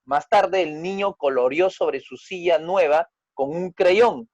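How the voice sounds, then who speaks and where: A man's voice: dry recording, highs cut off. A man, a family therapist teaching a group lesson, who explains step by step, keeps checking with his listeners, and acts out quoted dialogue by raising his voice. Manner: acts out quoted dialogue with raised pitch and volume.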